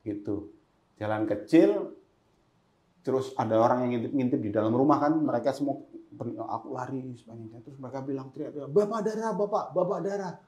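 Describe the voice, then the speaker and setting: A man's voice: medium pitch, brisk, darkish tone, highs cut off. A man recounting his experiences as a photojournalist in a podcast interview, acting out his own words as he tells it. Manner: vivid storyteller, acts out his own past words. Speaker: photojournalist guest. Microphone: podcast microphone. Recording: roomy echo.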